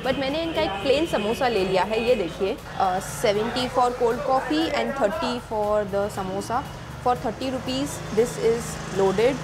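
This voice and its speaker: Recorded on a lapel mic amid busy food shops and background music, a young woman eats and chats through a casual street food review. This food vlogger switches between Hindi and English as she tastes on camera, speaking slowly in a fairly high voice.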